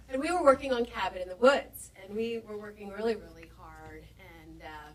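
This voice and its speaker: Middle-aged actress guest, anecdotal and chatty, heard from a distance with faint hiss, event hall. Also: female voice, medium pitch. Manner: chatty anecdotal storyteller, acts out quotes. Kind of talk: storytelling Q&A answer.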